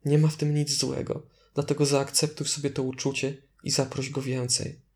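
A man leading a guided meditation as instructor, speaking in a calm, deliberate way with gentle prompts. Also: mid-range voice, creaky.

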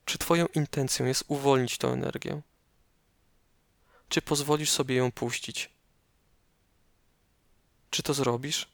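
A man narrating a guided meditation slowly and calmly, giving measured instructions with pauses, close up as if right in your ear. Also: mid-range voice, vocal fry, no echo.

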